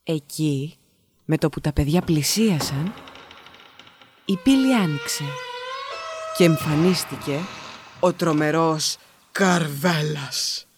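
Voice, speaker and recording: A woman's voice: long pauses, noisy background. A woman narrating a comic fairy tale with big dramatic rises and drops in her voice. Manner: storyteller with big dramatic pitch jumps. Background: music.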